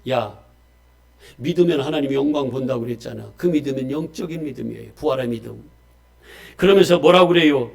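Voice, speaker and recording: A male pastor preaching a Sunday sermon, swinging between loud emphasis and quiet asides and calling on the congregation for amens. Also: medium pitch, brisk, creaky. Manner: asks the congregation questions and calls for amens.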